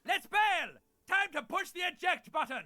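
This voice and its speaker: An actor voicing a panicky male inner voice in a video game, shouting frantically. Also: extremely high pitch, animated, moderate pace, no echo, studio quality, exaggerated voice. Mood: frantic.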